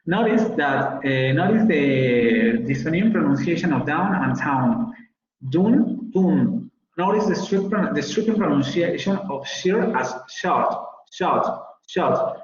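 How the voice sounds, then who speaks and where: A man's voice: a little high, animated, slow pace, hardly any pauses, slight background noise. A man teaching a phonetics class online, explaining patiently and sounding out examples. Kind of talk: online lecture. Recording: roomy, slightly dull video-call audio.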